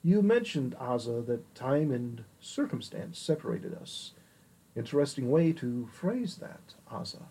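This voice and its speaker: A man's voice: mid-range voice, big pitch swings, a little slow, mellow, breathy edge, poor audio. A man voicing a devout male ambassador who speaks earnestly and formally in an audiobook reading. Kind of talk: audiobook character voice.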